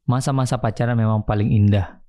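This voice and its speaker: A man's voice: lowish voice, a little fast. Casual storytelling man, podcast guest. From Indonesia. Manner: animated storyteller, slangy casual speech.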